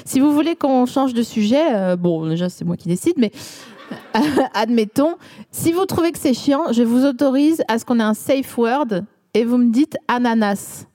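A woman's voice: a little high, animated, normal speed, warm tone. A woman from the Vosges with a Vosges accent, hosting a podcast in a loose, teasing and rambling way. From Vosges, France. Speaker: podcast host. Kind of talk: casual chat.

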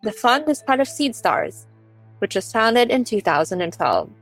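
A woman announcer reading a guest's biography in even, scripted narration. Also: a little high, moderate pace, soft background music, rough recording.

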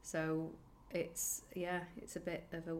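A woman's voice: lowish voice, monotone, darkish tone, a little hiss or hum. A young woman co-hosting a podcast, chatting casually and laughing often. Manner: chatty, giggly, quick to laugh. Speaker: podcast co-host. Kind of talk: casual chat.

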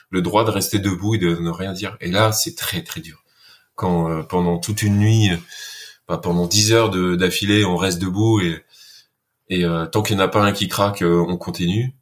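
A man who served in the military, telling an interviewer about training in an earnest, halting way with many fillers. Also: low voice. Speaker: guest, former soldier. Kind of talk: casual interview.

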